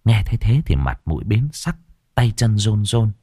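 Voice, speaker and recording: A man narrating an audiobook story with expressive storytelling. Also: fairly low pitch, moderate pace, no room sound, clean studio sound.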